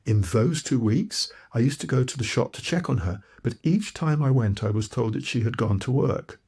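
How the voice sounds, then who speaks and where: Husky man. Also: medium pitch, animated, moderate pace, darkish tone. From Malawi. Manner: reflective, storytelling, earnest. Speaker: author and narrator. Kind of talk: scripted audiobook narration.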